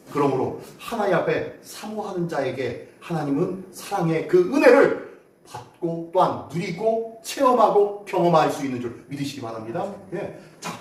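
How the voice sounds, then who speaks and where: Animated high-voiced male pastor preaching. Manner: dramatic, exhorting preacher who acts out prayers. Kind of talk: Sunday morning sermon. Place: church sanctuary. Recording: echoey church, voice far from mic.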